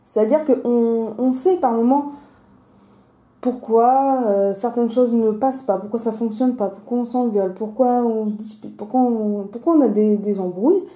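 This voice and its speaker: With a dark tone and a voice on the high side, the host of a weekly card-reading video speaks at a moderate pace. She lisps slushily on her s sounds while explaining the reading casually, and the audio has a roomy echo.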